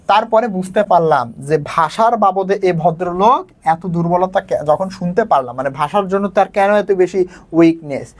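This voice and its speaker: A man teaches an exam lesson at a brisk, rushing pace. His talk is casual and chatty, and he keeps checking in with his students as he explains. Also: sits high. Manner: casual, talks quickly, checks in with students often.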